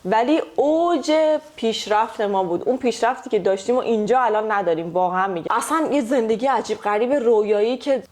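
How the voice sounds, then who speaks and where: A woman's voice: on the high side, few pauses. A woman in her thirties from Iran, speaking with an Iranian Persian accent, chatting casually as a vlogger co-host and acting out the exchanges she recalls. She talks indoors at home. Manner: lively storyteller acting out quoted exchanges. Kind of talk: casual couple Q&A chat. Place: home, indoors, living in Australia.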